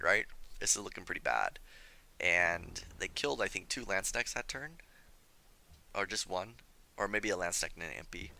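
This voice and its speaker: A slightly hoarse young man commenting on his strategy game as he plays, chatty and scolding himself for his mistakes. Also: sits low, bright, forceful tone. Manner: self-critical, chatty, thinking aloud. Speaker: gameplay commentator. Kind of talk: let's play commentary.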